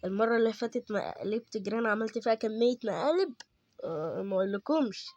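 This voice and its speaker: A man's voice: high voice, quick pace, a little mellow, muffled recording. A man with an Egyptian Arabic accent doing let's-play horror game commentary, chatty with viewers and yelping at sudden frights. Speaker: gaming YouTuber.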